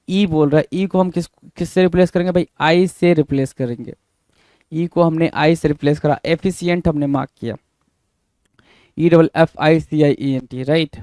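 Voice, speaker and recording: A male teacher from India giving a spelling lesson in Hindi, repeating each word and spelling it out slowly letter by letter while talking straight to his students. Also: fairly high pitch, a little mellow, smooth, no echo. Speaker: English teacher.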